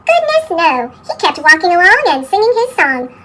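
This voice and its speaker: With her voice made very high by a sped-up chipmunk effect, a woman reads picture books to young children at a normal pace. She narrates in a lively, exclaiming way, asking and answering questions and singing refrains.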